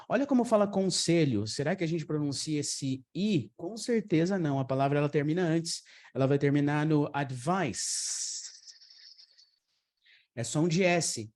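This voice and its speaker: A man whose first language is Portuguese, teaching an online aviation English lesson in a lively manner and repeating words for drill. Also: fairly high pitch.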